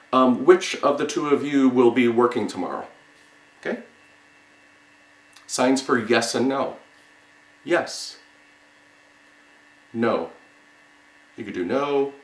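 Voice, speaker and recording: Male class teacher, mid-pitched voice, halting step-by-step delivery with pauses, recorded in an echoing room. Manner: halting, explanatory, repeats single words with pauses. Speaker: sign language teacher. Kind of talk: instructional lesson, demonstrating word by word. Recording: roomy, echoing sound.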